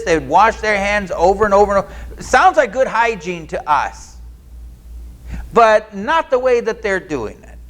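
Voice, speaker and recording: A male pastor preaching a sermon in a church, animated and acting out the voices he quotes. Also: high voice. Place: church sanctuary.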